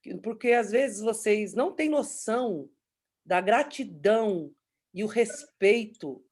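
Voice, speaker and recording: A woman's voice: medium pitch, expressive, takes it slowly, darkish tone. A woman pastor with a Brazilian Portuguese accent leading a church service and speaking with enthusiasm to the audience.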